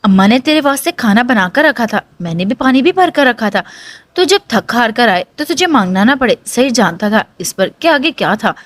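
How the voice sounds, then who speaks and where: A gentle young sister, worn and fading, speaks softly and tenderly, as a woman reading aloud puts her on. Her voice is fairly high and moves freely in pitch, recorded dry and close like a storybook reading. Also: expressive, dry recording, lightly acted. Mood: tearful. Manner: soft, weary, tender.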